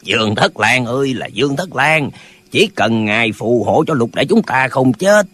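A man voicing a band of quarrelsome, pedantic old martial-arts brothers in an audiobook, with a husky voice. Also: mid-range voice, animated, normal speed, a bit bright. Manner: bickering, pedantic, squabbling.

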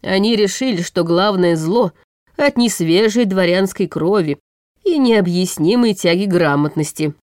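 A woman reading a storybook audiobook, voicing a bitter, sharp-tongued male vice-chancellor in a scornful, snappish way, close to the microphone. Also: medium pitch, unhurried, no echo, natural voice.

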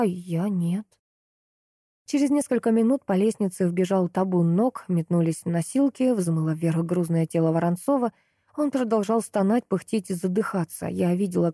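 A young woman reading a first-person audiobook in a measured way, lively when the heroine speaks. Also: fairly low pitch, dry recording, clean studio sound. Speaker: audiobook narrator.

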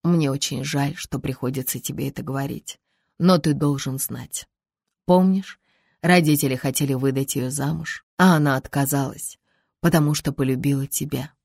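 An audiobook narrator voicing a calm, gentle mother who speaks in a measured way. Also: mid-range voice, gravelly, dry recording, studio quality.

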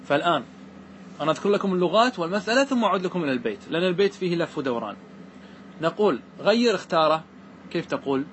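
A man teaching a classroom lesson on Arabic grammar verses, reciting lines slowly and then explaining them while often asking his students whether they follow. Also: a little high, big pitch swings, a bit bright, slight background noise. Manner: checks understanding with repeated questions to students.

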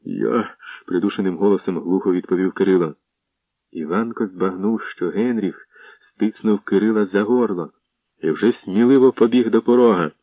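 A man narrates a historical tale in a low voice, with measured, scripted storytelling. The audio is dull and lo-fi, like an old radio broadcast, and sounds dry and close. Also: no echo.

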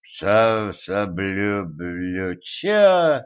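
A man's voice: fairly low pitch, big pitch swings, clean tone, lo-fi sound, full character voice. A man voicing a tipsy slurring young liquidator. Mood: confused. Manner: slow drawling, tipsy. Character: drunk young male liquidator, dreamy and slurring.

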